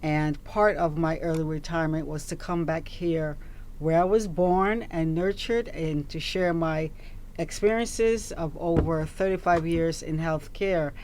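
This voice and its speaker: A woman in her sixties, born in Barbados, speaking as a hospital operations chief on a radio show in a composed, measured way. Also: low-pitched, a little mellow, slight background noise. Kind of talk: radio interview guest.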